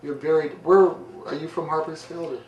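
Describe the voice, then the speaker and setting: A man's voice: fairly high pitch, steady tone, brisk, darkish tone, a little hiss or hum. A man hosting a casual radio interview, chatty with wry asides. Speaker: radio host. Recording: echoey room, heard from far off.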